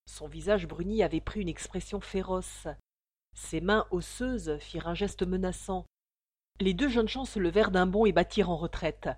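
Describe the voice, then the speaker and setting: A woman narrating a classic novel aloud in a measured, steady reading voice, close to the microphone. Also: fairly low pitch, no echo. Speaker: audiobook narrator.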